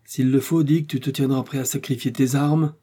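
A man's voice: mid-range voice, fairly even intonation, normal speed, dark tone, breathy edge, voice pushed up, natural voice. A man reading an audiobook, voicing a resolute male explorer and scientist with a commanding, urgent manner.

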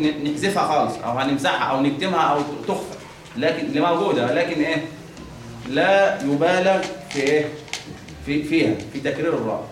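An Egyptian man gives a religious lesson on pronunciation, often asking his class a question and then answering it himself. His voice sits a little high. He sounds far from the mic in a very echoey room with a faint hiss behind him. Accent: Egyptian Arabic. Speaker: teacher of Quran recitation rules.

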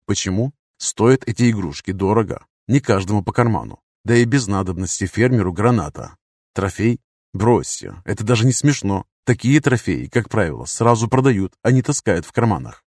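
Man, audiobook narrator, lowish voice, wry and cynical, matter-of-fact, dry close recording. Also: animated, normal speed, darkish tone, dry recording. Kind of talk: first-person audiobook narration.

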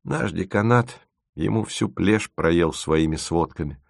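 A man's voice: low-pitched, measured pace, gravelly, dry recording, clean studio sound. A man voicing a gloomy, self-pitying young male student who speaks bitterly and with sighs. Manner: sighing, bitter, philosophical.

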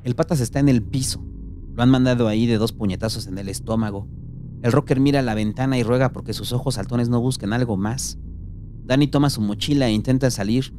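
A man's voice: mid-range voice, brisk, a little mellow, slight background noise. Mexican man reading a gritty story. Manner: gritty slang-heavy narration. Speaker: narrator.

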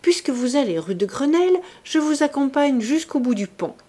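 A woman doing an easygoing middle-aged statesman, slow, falsely modest, audiobook figure. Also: high-pitched, sing-song, mellow, voice pushed up. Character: powerful middle-aged male minister, falsely modest, good-natured.

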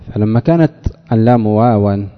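A man's voice: on the low side, expressive, smooth. Man lecturing in a reverberant hall. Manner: asks the class questions and answers them himself, drawls example words slowly. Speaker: teacher of Arabic morphology. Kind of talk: classroom lecture. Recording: dull lo-fi recording with long hall reverb.

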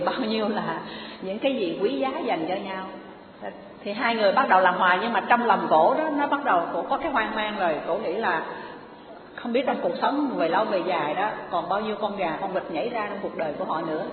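Woman telling a dharma story. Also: mid-range voice. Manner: animated, humorous storyteller addressing the audience. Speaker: Buddhist dharma teacher. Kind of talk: sermon with storytelling. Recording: echoey hall over a tinny phone-like line with an audience. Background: audience laughter.

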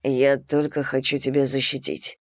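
Female narrator doing a brooding young man: low, soft, simmering. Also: level tone, moderate pace, no echo, clean studio sound. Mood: grim. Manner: low, hushed, brooding delivery. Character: passionate young man, intense lover, quick to anger.

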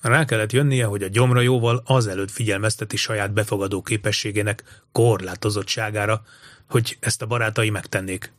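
A man narrating an audiobook story in an even, measured way. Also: on the low side, no echo, studio quality.

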